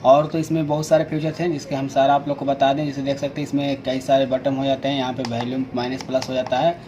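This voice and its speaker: In this informal unboxing demonstration, an Indian video host and product reviewer talks fast in a flat, mid-range voice. He explains each step repetitively, and the amateur recording is clearly noisy.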